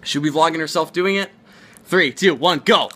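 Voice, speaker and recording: A young man hosting a casual home vlog in an excitable, teasing manner, talking to a handheld camera indoors. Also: fairly high pitch, normal speed. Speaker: vlogger hosting a challenge video. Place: living room indoors at home. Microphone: handheld camera at arm's length.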